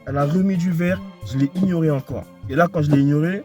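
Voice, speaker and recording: A man's voice: on the high side, fast, a little mellow, soft background music. A young man giving dating advice in a casual, slangy monologue, talking straight to the listener and repeating himself often. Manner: slangy, repetitive, addresses listener directly.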